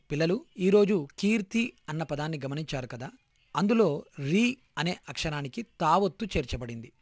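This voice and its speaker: A man's voice: on the high side, no echo. Man reading a lesson plan, dry. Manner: measured, list-like reading. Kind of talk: read-aloud lesson plan.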